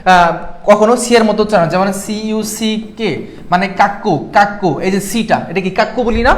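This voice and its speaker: A man's voice: sits high, steady tone. A young man from Bangladesh tutoring students in a live online class, asking them questions and checking in with them often. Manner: quick, keeps checking in with the class. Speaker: admission exam tutor.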